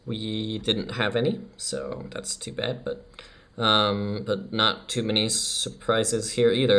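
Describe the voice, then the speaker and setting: A young man casually commenting over his baseball management game, chatty and laughing at himself now and then. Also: lowish voice. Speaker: let's play commentator.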